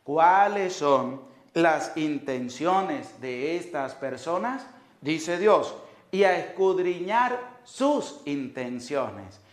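A man's voice: fairly high pitch, big pitch swings, extremely slow. A man in his thirties, a priest preaching a sermon at a chapel altar on a lapel mic, emphatic and fond of repeating rhetorical questions. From Venezuela. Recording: echoey chapel.

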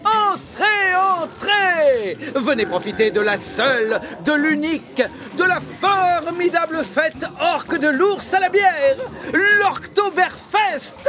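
A man voicing a goblin fairground barker in a video game, ranting comically with loud, taunting showman's patter. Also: very high voice, animated, slow, a crowd in the background, full character voice. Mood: gleeful hawking.

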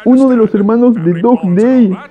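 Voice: mid-range voice, moderate pace, soft background music. A reaction host commenting on an animation for viewers, calling them friends, exclaiming and laughing at the scenes, on a dull lo-fi recording.

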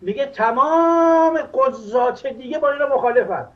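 A man's voice: very high voice, lively intonation, a little hiss or hum. An older man from Iran hosting a political talk show, speaking in impassioned, emphatic bursts. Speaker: host. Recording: dull lo-fi sound.

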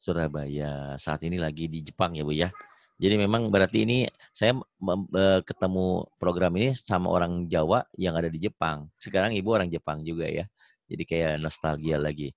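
Deep-voiced man teaching reading by video call. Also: moderate pace, no room sound. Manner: models syllables loudly, coaxing and joking. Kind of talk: online one-on-one reading lesson.

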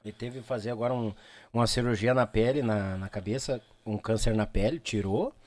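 A man's voice: on the low side, a little mellow. A young man with a Rio Grande do Sul accent hosting a casual podcast, chatty and egging his guest on. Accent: southern Brazilian, Rio Grande do Sul. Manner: chatty, eggs the guest on with quick interjections. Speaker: podcast host.

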